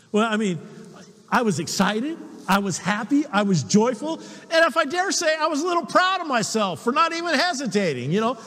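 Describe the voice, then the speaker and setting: A pastor preaching and telling personal stories with a lot of humor about himself. His husky voice sits high and leaps around with animation. The recording carries a long hall reverb. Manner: storytelling, animated, self-deprecating humor. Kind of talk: sermon.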